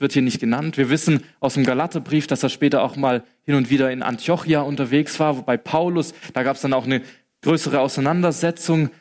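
A man preaching a sermon, retelling scenes in a lively, colloquial way and acting out the quotes. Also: a little high.

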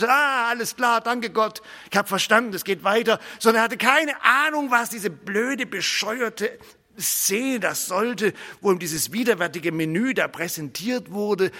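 A male preacher tells the story in an animated way and speaks straight to his audience. His voice is high and bright with a gravelly rasp. The pitch moves widely, and a long hall reverb trails each phrase. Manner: animated, acts out characters, addresses listeners directly. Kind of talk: lively storytelling sermon.

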